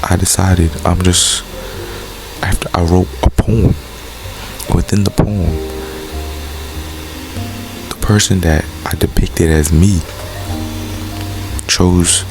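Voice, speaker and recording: A young American vlogger and poet gives a reflective personal monologue, speaking earnestly and candidly about his life and repeating phrases for emphasis. His voice is low and gravelly. The low-quality recording has background music.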